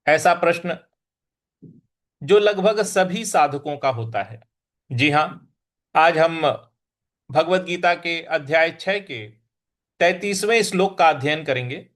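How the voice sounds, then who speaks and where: A man teaching the recitation of Sanskrit verses, repeating each syllable slowly, stressing sounds and chanting lines in a sung tone. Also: fairly high pitch, a bit bright. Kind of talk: verse-by-verse pronunciation lesson.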